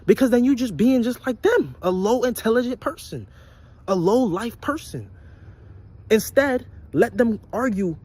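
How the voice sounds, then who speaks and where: A young man with a high, husky voice delivers a casual motivational rant straight to his viewers. He talks bluntly and profanely, hammering the same points over and over like a street preacher. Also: expressive, unhurried, darkish tone. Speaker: vlogger.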